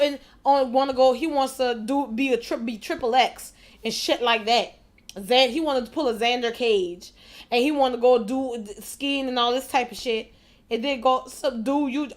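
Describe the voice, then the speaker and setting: A woman hosting a reaction video, talking straight to her viewers with loud, profane, laughing disbelief. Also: high voice. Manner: addresses viewers directly. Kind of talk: casual reaction commentary.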